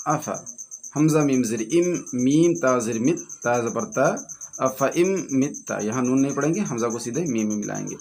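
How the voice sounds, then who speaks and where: A man teaching a Quran reading lesson in an Indian Urdu-Hindustani accent, spelling out letters and vowels and then slowly blending them into words. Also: mid-range voice.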